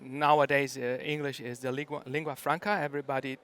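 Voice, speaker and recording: A man's voice: medium pitch, level tone, a little fast, fairly bright tone, smooth. A middle-aged man from Germany, giving a conference talk and hesitating often with ums and uhs. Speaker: conference speaker.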